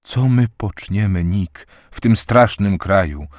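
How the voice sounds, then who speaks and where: A man reading a frightened, warm-hearted young woman in a slightly raised, anxious voice. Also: fairly low pitch, slow, no room sound, studio quality. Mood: distressed. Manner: anxious, pleading.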